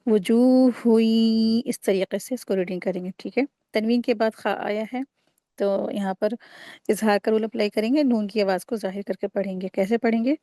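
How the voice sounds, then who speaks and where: A woman teaching a recitation lesson, patiently explaining each rule and then slowly modelling the drawn-out sounds. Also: mid-range voice, mellow, no room sound, studio quality. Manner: patient, repeats and corrects common mistakes. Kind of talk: tajweed lesson.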